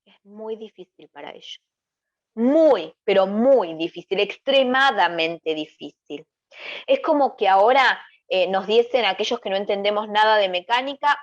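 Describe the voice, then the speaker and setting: A woman presenting an educational webinar. She asks questions aloud and answers them herself, checking in with her listeners as she explains. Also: fairly high pitch. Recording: dull lo-fi webinar audio.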